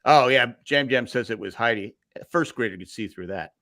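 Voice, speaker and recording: A man's voice: mid-range voice, fairly quick, sharp tone. A man co-hosting a casual podcast, making wry remarks and often restarting his words. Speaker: podcast co-host. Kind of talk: casual recap chat.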